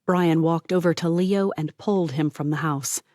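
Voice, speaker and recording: A woman's voice: low voice, moderate pace, darkish tone, no room sound, studio quality. A woman narrating an audiobook, voicing each character and dropping to a whisper for tense lines.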